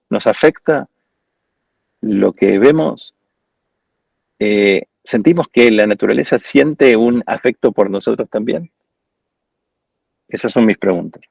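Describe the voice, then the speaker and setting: A man's voice: lowish voice, creaky, a little mellow, slightly rough, no room sound. A man with an Argentine accent, a guest speaker at an architecture school, giving an informal lecture over a video call in a reflective, digressive storytelling way.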